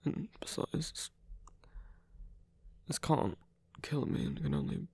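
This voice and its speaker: In an intimate ASMR roleplay, a performer plays a proud, flirtatious villain who is in pain, speaking softly in a breathy, gravelly voice that is guarded yet tender. The low-pitched delivery is halting, hesitant and murmured but very animated, a full character voice with no room sound.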